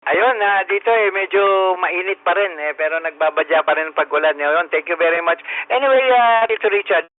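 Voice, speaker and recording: An older man with a Filipino accent runs an amateur radio roll call over a two-way radio transmission, halting with frequent "ah" fillers and spelling call signs phonetically. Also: sits high. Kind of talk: radio net roll call in mixed Tagalog and English. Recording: narrow two-way radio band.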